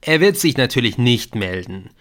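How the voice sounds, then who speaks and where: A man voicing an excitable young man in an audiobook, talking urgently and emphatically. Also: medium pitch, normal speed. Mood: insistent. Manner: urgent, emphatic, a little brash.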